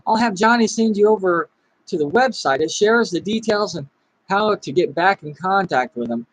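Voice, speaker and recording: An upbeat recruiter on a sales call, eager and friendly, in a high, slightly husky voice, as a man acts him out in a training role-play. he keeps the pitch bright and chatty, with a close, dry sound. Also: expressive, moderate pace, no room sound, rough recording.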